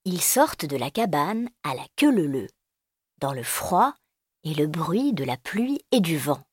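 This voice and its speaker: Woman reading a kids' story, slow and gentle, dry close sound. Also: low voice, sing-song, slightly rough, dry recording.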